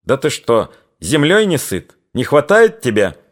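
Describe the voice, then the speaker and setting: A man voicing a quick-tempered Cossack captain who speaks curtly and commandingly, in an audiobook reading. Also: mid-range voice, very animated, close to an everyday voice. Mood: shouting. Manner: curt, commanding, raises his voice.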